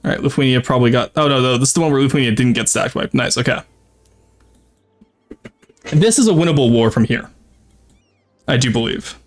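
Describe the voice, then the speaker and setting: A man's voice: mid-range voice, a little fast, pauses often. A man streaming a strategy game with casual live commentary, thinking aloud and talking to his chat. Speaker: streamer, VTuber.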